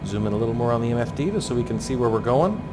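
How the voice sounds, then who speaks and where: A man's voice: medium pitch, animated, racing, over loud music. A man giving running commentary as he flies a landing approach, thinking aloud in clipped aviation jargon. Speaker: flight simulator pilot narrating.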